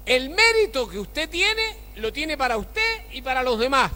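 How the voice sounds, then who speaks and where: Preaching a sermon in a church hall with long reverb, a male pastor checks in with his congregation through rhetorical questions. His very high voice swings widely in pitch, unhurried, bright and forceful.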